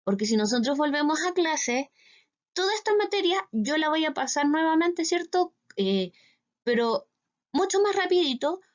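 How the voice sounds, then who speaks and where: A woman's voice: sits high, big pitch swings, moderate pace, highs cut off. A Chilean woman teaching English to schoolchildren in a recorded class, explaining step by step and often checking with "¿cierto?". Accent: Chilean Spanish.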